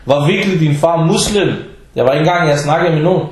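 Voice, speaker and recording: A man giving an informal religious talk in a blunt, scolding and sarcastic way. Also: fairly high pitch. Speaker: preacher. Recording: very echoey room.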